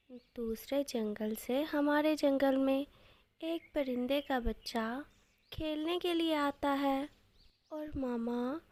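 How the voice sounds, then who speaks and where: A woman's voice: high-pitched, a little mellow. A woman voicing a young boy animal in a cartoon story, childlike and complaining.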